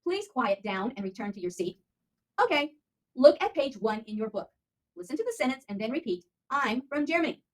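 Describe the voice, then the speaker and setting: A woman, the teacher's wife, reading classroom example sentences slowly and clearly. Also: a little high, big pitch swings, rough recording. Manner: slow, clear read-aloud commands.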